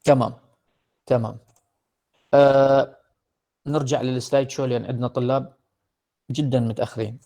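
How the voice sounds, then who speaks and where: A man with an Iraqi Arabic accent giving an online university lecture, switching between Arabic and English, slowing down for definitions and often hesitating over words. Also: mid-range voice, level tone, mellow. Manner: mixes Arabic and English, slow deliberate English definitions, frequent hesitations. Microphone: computer mic in an online class.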